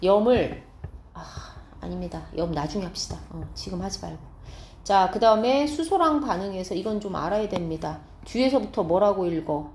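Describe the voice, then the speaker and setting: A woman's voice: mid-range voice, expressive, a little mellow, a little hiss or hum. Woman teacher in an echoey classroom. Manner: explains step by step, asks students quick check questions. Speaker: science teacher. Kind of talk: classroom lecture.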